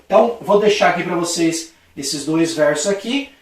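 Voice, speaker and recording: A man's voice: fairly high pitch, expressive, moderate pace, recorded from a distance. Brazilian man, friendly schoolteacher at a board, recorded in a strongly echoing room a few steps from the mic. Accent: Brazilian Portuguese. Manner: friendly, with frequent checking "tá?" tags; acts out a playful street-shouting example for stress. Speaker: teacher. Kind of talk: recorded video lesson at a board.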